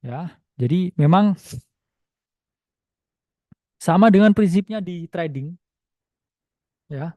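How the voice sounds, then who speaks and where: A man's voice: sits high, slow, pauses often, no room sound, narrow, tinny audio. A man presenting a trading webinar in a casual, chatty way, often adding "ya" and dropping in English phrases. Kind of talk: casual spoken webinar lesson.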